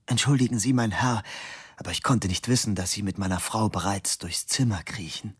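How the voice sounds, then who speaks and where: Ein Mann, der in einer Hörbuchlesung einen verschlafenen, höflich vorwurfsvollen Rechtsanwalt spricht. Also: male voice, fairly low pitch, a little fast, slightly rough. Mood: weary polite. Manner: yawning, courteous, reproachful. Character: sleepy, polite, reproachful male lawyer.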